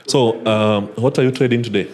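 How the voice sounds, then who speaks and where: A man's voice: lowish voice, normal speed, slight background noise. A man hosting a casual podcast interview, easygoing and peppered with "uh" and "awesome". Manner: relaxed, frequent "uh" fillers and "awesome". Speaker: podcast host.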